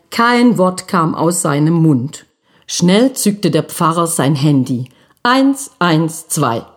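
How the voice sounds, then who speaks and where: A woman narrating a children's storybook chapter aloud in a measured, gentle way. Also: lowish voice.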